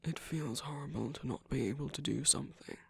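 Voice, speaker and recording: In a romantic ASMR roleplay, a man voices a tender yet commanding villain comforting his lover, speaking softly and breathily and often sinking to a whisper. He is slow, gentle, and measured, with deliberate pauses, and his mood is gentle and earnest. His medium-pitched voice is slightly rough with vocal fry.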